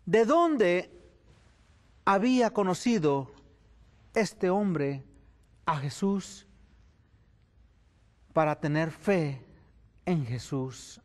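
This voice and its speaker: Slow, high-voiced male preacher. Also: animated. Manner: slow, deliberate phrasing that climbs into emphatic questions. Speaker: evangelist preacher. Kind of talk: sermon with prayer and scripture reading.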